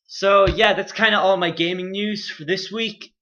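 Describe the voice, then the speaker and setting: A man's voice: steady tone, moderate pace, sharp tone. A young man co-hosting a casual gaming podcast, rambling with lots of fillers. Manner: rambling, lots of "like", jumps up and down in pitch. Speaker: podcast co-host. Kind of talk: casual chat. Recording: echoey room, muffled lo-fi mic.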